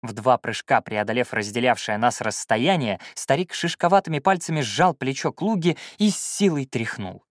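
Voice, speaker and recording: A male audiobook narrator telling a first-person story with a lively, swooping delivery at a middle pitch. The sound is dry and close, with no room in it. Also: normal speed, few pauses, dry recording. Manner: expressive, storytelling.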